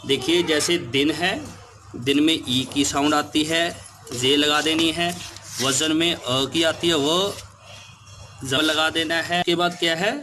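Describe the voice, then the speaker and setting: A man's voice: a little high, fairly even intonation, a little slow, noisy background. A male teacher giving a spelling lesson to children, patiently spelling words out letter by letter.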